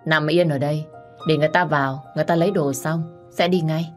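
A woman voicing a gruff, irritable young man who gives curt orders. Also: deep voice, fairly even intonation, fairly quick, soft background music, close to an everyday voice.

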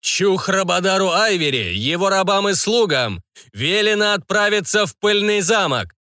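A man voicing a stern male mage whose commanding proclamation is magically amplified into a booming voice. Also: sing-song, normal speed, pushed and bright, no room sound, studio quality, exaggerated voice. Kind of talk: audiobook narration.

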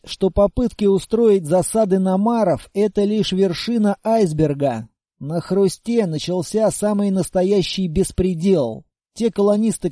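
A man narrating a first-person audiobook in a steady, even-paced reading. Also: sits high, no echo, studio quality.

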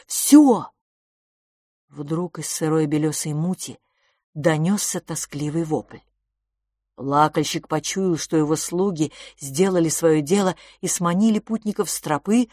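A woman reading a storybook aloud, in a measured, expressive narration. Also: low-pitched, no room sound, studio quality. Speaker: audiobook narrator.

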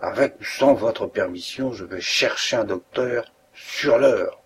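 A man reading a detective story aloud as an audiobook narrator, in a measured storytelling manner. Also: lowish voice, a little hiss or hum.

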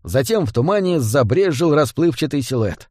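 A man narrating an audiobook in a steady, even reading voice. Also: on the high side, moderate pace, no echo, clean studio sound. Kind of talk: scripted narration.

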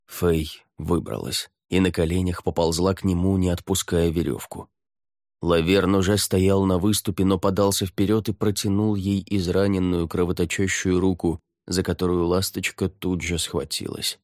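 Deep-voiced man narrating an audiobook. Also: a little mellow, dry recording, studio quality. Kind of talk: scripted narration.

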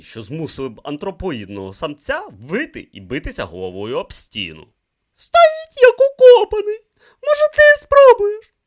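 A man narrating an audiobook with expressive, playful storytelling. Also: medium pitch. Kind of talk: scripted narration.

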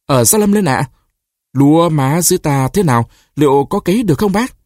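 A man's voice: fairly high pitch, expressive, a little fast, darkish tone, dry recording, studio quality, voice pushed up, natural voice. A man reading as a proud old village man. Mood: chatty. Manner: stammering when shaken. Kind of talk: audiobook reading of a short story.

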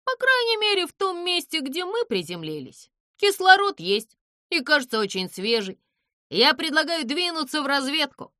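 Женщина озвучивает учёного кота, напыщенного и уверенного в себе, который торжественно рассуждает вслух. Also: female voice, high voice, very animated, normal speed, sharp tone, no echo, clean studio sound, voice pushed up, exaggerated voice. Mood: cheerful. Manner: grandiose, declaiming. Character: clever male cat, pompous and self-assured. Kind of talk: audiobook character voice.

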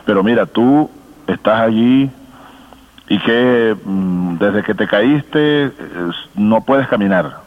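A man's voice: lowish voice, slow. A man with a Venezuelan accent hosts a call-in radio chat, talking in a friendly, joking way. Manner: warm-hearted, chatty, joking. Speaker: radio host. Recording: phone-like radio broadcast.

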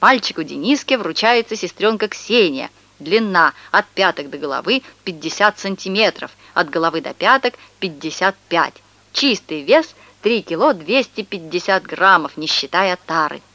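A woman's voice: on the low side, lively intonation, moderate pace, sharp tone, dry recording. A woman voicing a jolly, joking father in a storybook, at times in a mock announcer tone. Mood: mock formal. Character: jolly playful father, announcer-style jokes.

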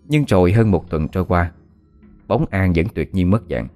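A man narrating a scripted ghost story in a steady, even storytelling manner. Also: sits low, moderate pace. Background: faint music.

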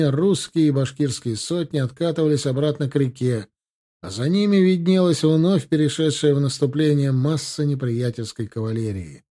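Mellow male audiobook narrator. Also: on the high side.

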